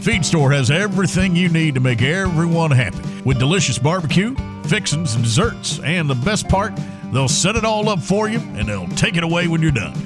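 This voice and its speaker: Higher-voiced male ad announcer, country music. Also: animated, a little fast. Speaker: advertisement announcer. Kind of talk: scripted ad read.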